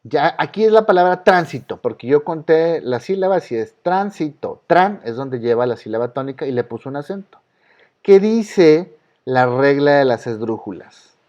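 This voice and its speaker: A man's voice: mid-range voice, animated, normal speed, mellow, highs cut off. A male teacher with a Mexican accent giving an online class, patiently repeating the rules and quizzing his students. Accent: Mexican Spanish. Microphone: video call.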